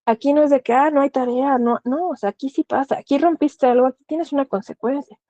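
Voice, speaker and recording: A woman's voice: high-pitched, quick pace, mellow, no room sound, muffled recording. A woman thanatologist, speaking earnestly and giving direct advice, often asking rhetorical questions. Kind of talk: explanatory talk.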